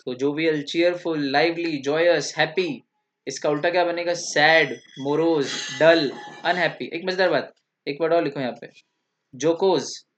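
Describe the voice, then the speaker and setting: A man's voice: a little high, a little slow, fairly bright tone. A man teaching a classroom vocabulary lecture, listing synonyms and spelling words out letter by letter. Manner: lists synonyms and spells words out, often adds "hai na". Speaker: English teacher.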